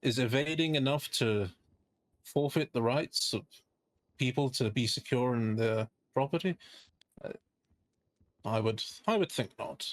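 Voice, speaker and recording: A man's voice: mid-range voice, unhurried, long pauses, no room sound, lightly acted. Man playing pointed, sardonic defense lawyer, dry sound. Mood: pointed, skeptical. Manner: rhetorical questions, pointed, sardonic. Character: skeptical, indignant male defense lawyer. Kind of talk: courtroom closing argument in a role-play game.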